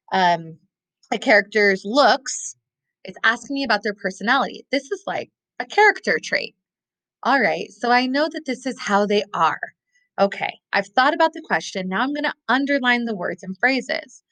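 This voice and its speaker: A woman teaching a recorded classroom lesson with a bright, crisp voice. She thinks aloud step by step and slows right down to lean on key words. The sound is dry and close, with no room around her. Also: medium pitch, dry recording, poor audio. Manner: models thinking aloud, slows to stress keywords.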